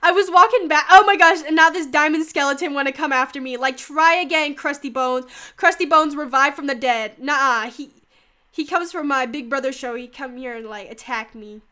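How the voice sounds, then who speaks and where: A teen gaming YouTuber with a cold speaks in a high, bright, forceful voice at a moderate pace. Her casual gameplay chat is rambling and thick with "like", punctuated by yelps and laughs.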